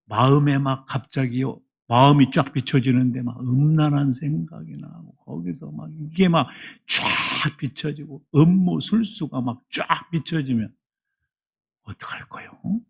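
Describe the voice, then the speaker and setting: A middle-aged man preaching a sermon as pastor in a church, emphatic, swinging between hushed asides and loud appeals. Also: on the high side, steady tone, unhurried, gravelly, slightly rough. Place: church sanctuary.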